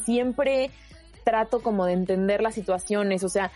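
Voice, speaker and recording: Mexican woman teacher, loud and animated, casual testimonial, soft music underneath. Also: medium pitch, unhurried. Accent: Mexican Spanish. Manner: loud, animated speaker who gestures a lot. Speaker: university teacher.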